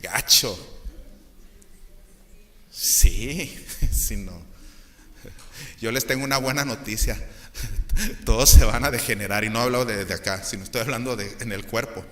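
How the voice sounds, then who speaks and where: A man's voice: fairly low pitch, a little slow, pauses often, fairly bright tone, a little hiss or hum. A man with a Mexican Spanish accent preaching a sermon as pastor, joking with his listeners and acting out the voices he quotes.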